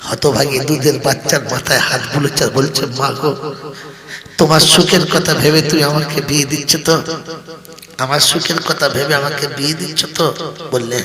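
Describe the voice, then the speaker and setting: A man with a Bengali accent preaching a waz sermon. He tells a story softly, then rises into impassioned, high-pitched appeals. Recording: echoey open-air loudspeaker sound with crowd.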